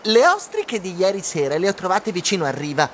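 A man voicing an excitable, boastful male mouse in a storybook, with shrill exclamations. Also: fairly quick, slight background noise, full character voice. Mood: excited.

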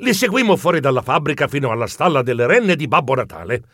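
A man narrating a children's audiobook in an expressive, playful storytelling manner. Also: mid-range voice, fast talker, no echo, clean studio sound.

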